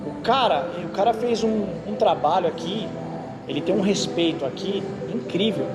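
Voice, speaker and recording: A man's voice: high-pitched, moderate pace, loud music behind the voice. A Brazilian man, a racing driver and instructor, chatting casually in an interview and telling stories with frequent check-in questions. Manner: animated storyteller, frequent "entendeu?" tags.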